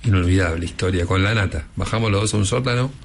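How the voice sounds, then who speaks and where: A man's voice: sits low, fast, slight background noise. A man with an Argentine accent hosting a radio interview in a chatty, conversational way. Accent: Argentine Spanish. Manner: conversational, chatty, frequent backchannels. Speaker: radio host.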